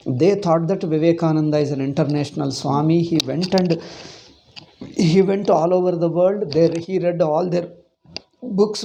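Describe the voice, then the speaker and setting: High-pitched older South Indian-accented man, emphatic. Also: dark tone, slight background noise. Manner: emphatic, repeats phrases. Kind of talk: informal spoken discourse. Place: small indoor room. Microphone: clip-on lapel mic.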